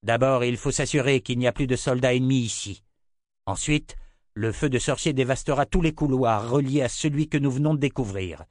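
A man voicing a young male lord who speaks urgently and forcefully. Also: mid-range voice, normal speed, dry recording, clean studio sound, voice pushed up, natural voice.

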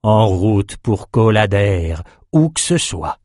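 A flamboyant young swordsman, dramatic and protective, talking low and slow at first before rising with feeling, as a man reads him. The storybook voice is dry and close. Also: very animated, dry recording, full character voice. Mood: hushed. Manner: dramatic, hushed.

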